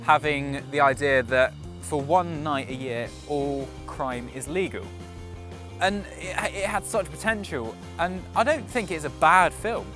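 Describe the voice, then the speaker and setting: A man's voice: on the high side, measured pace, a bit bright, faint music behind. A young man giving casual, opinionated reviews to camera as a vlog co-host.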